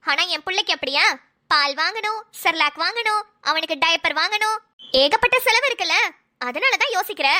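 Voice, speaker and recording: A defensive young mother from a family cartoon who snaps back at every remark, as a woman voices her. The voice is very high and bright, and she argues quickly and sharply. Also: lively intonation, heavily acted. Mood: argumentative. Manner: snappy, argumentative. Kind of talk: cartoon voice acting.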